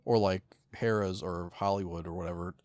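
A podcast co-host with a low, darkish voice talks briskly with fairly even intonation. In casual chat he rambles on and swears freely.

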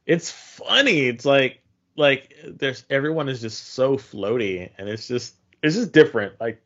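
A man co-hosting a podcast, chatting casually and haltingly, often repeating his phrases. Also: mid-range voice, animated, a bit bright, muffled recording. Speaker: podcast co-host. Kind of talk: casual chat about games and trips.

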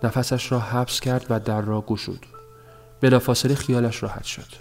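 A man reading a novel aloud as an audiobook narrator, in a measured, even storytelling manner. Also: medium pitch, gravelly, soft background music.

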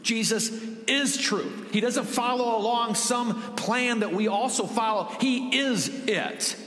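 A man's voice: very high-pitched, takes it slowly, fairly bright tone. Male pastor, sermon: conversational with joking asides, emphatic on key points, echoey room. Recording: echoey hall with long reverb.

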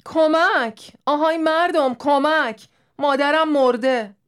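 A woman's voice: high voice, lively intonation. A woman voicing a panicked young daughter who has just found her mother dead, crying out and pleading for help in an audiobook. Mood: shrieking. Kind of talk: audiobook character voice.

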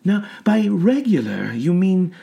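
Man playing a calm female psychiatrist, flat and clinical, lifted high, read slowly. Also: gravelly, husky, muffled recording, exaggerated voice. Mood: probing. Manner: flat, measured, soothing. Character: composed female asylum doctor, clinical.

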